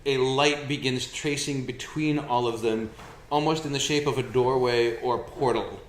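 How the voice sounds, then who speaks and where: A man running a tabletop game as game master, narrating off the cuff with halting, improvised phrasing. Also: mid-range voice, fairly even intonation, slight background noise. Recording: echoey room.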